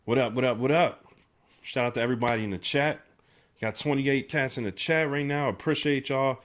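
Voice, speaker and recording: A livestream host chats casually in a steady, mid-range voice that moves a little fast and sounds nasal from a sinus infection. He's laid-back and slangy, with lots of fillers and restarts.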